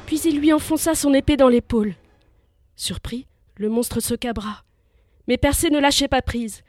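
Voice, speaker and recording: A woman's voice: sits high, moderate pace, darkish tone, no room sound, soft background music. A woman storyteller giving scripted narration of a myth for young listeners, vivid and lifting with the action.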